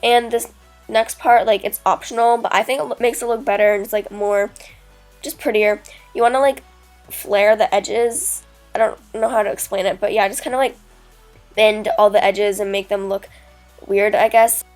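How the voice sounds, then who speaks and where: A woman's voice: medium pitch, fairly even intonation, moderate pace, darkish tone, faint music behind. Stuffy-nosed teen girl chatting casually. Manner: chatty, lots of 'like' and 'um'. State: stuffy nose from a cold. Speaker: DIY vlogger. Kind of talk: casual tutorial talk.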